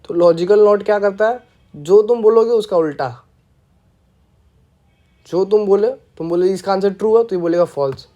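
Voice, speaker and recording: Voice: mid-range voice, normal speed, pauses often, dark tone, muffled recording. A programming teacher giving a casual screencast lesson, playful and often checking that listeners follow along.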